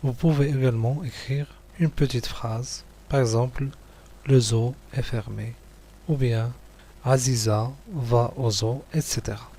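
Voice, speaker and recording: A man teaches young pupils, working slowly through a worksheet, repeating each word and praising their answers. His medium-pitched voice is steady and warm, with a breathy edge. His manner is slow and patient throughout.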